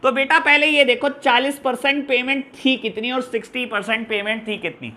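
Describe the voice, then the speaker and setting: Speaking at normal speed in an extremely high, steady, bright, and forceful voice, a man teaches accounts to his students, walking through journal entries. He mixes in the terms and talks to them fondly as "my dear children."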